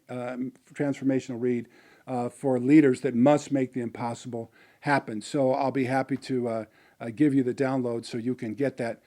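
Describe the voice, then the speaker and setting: Mellow middle-aged man telling stories. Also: mid-range voice. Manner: rambling, with many fillers and restarts. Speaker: motivational business speaker. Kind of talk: personal storytelling monologue.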